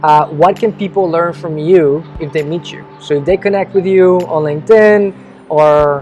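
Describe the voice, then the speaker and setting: A man's voice: fairly high pitch, moderate pace, a little mellow, lo-fi sound, soft background music. A man hosting a casual interview, upbeat and encouraging, often restarting his questions. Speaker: interviewer, host. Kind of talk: casual interview, video intro.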